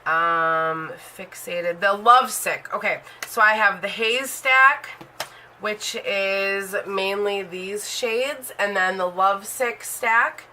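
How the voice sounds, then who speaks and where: Bright-voiced chatty woman in her thirties. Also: medium pitch, slow pace, slight background noise, low-quality recording. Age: 30s. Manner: rambling and chatty, heavy on fillers. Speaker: beauty vlogger. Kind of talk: casual chat showing a makeup collection.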